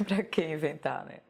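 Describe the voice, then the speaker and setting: A woman writer with a Northeastern Brazilian accent, reminiscing in a soft, unhurried way and often tagging her phrases with a questioning "né?". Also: sits low, vocal fry, breathy edge. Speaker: writer interviewed in a documentary. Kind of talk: reflective personal reminiscence.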